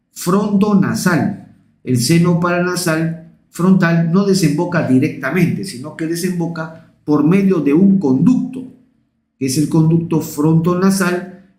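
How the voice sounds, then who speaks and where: A man's voice: fairly high pitch, darkish tone, reverberant. A man giving a recorded anatomy lecture, repeating each term and checking in with his students. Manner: repetitive, checks in with listeners.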